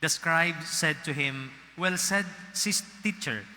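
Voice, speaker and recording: A man with a Filipino accent, a priest reading the gospel and preaching slowly, his voice carrying a cathedral echo. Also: on the high side, bright, forceful tone. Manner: slow, deliberate delivery. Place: large cathedral. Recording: long cathedral reverb.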